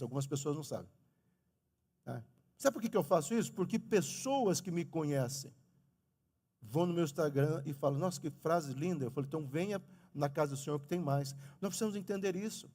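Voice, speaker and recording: A middle-aged man preaching a lively sermon as pastor in a church, speaking to the congregation. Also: fairly high pitch, husky. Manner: animated preaching, talks of his own stutter. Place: church sanctuary. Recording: long reverb of a church hall.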